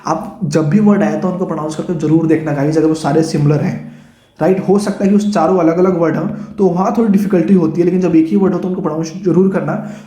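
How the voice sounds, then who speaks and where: A man's voice: on the high side, fairly even intonation, fast talker, dark tone, reverberant. A man with an Indian English accent teaching an online exam-prep lesson, chatty and coaxing, calling his students guys and dear children.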